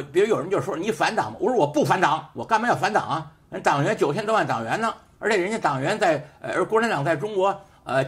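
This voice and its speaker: Male studio host, high and very lively pitch, emphatic rhetorical commentary. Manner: emphatic and repetitive, heated rhetorical questions. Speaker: show host and sociology teacher. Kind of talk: casual political commentary monologue.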